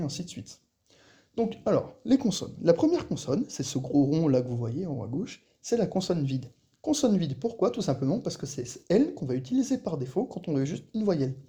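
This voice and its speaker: Mellow, lively-voiced language teacher. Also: medium pitch. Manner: patient, repeats sounds slowly for the listener to copy. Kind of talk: explanatory lesson voice-over.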